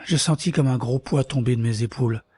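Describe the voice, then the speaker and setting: A man's voice: medium pitch, brisk, husky, natural voice. A man narrating his own story in the first person in an audio drama, bitter and introspective. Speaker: narrator and lead character. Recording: soft music underneath.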